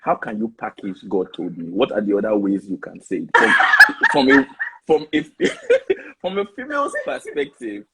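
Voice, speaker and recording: A man hosting a casual live discussion, animated and often restarting his sentences. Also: medium pitch, normal speed, gravelly, a little hiss or hum, poor audio. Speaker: host.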